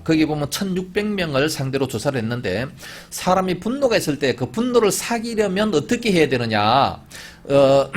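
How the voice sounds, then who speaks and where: Husky, lively-voiced male preacher. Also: on the high side. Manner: emphatic preaching with rhetorical questions and sudden loud rises. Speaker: pastor. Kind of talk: sermon.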